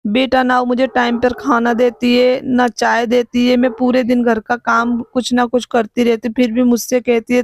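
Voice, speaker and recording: A woman doing an older mother on the phone, steady and plain. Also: a little high, no echo, studio quality. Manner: complaining, then calmly lecturing. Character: older mother faking distress to teach her daughter.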